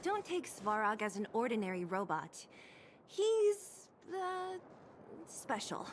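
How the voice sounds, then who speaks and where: A woman voicing a calm, curious young traveler in a game, quiet and wondering. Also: on the high side, takes it slowly, slight background noise. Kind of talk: game voice acting. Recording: game audio with music.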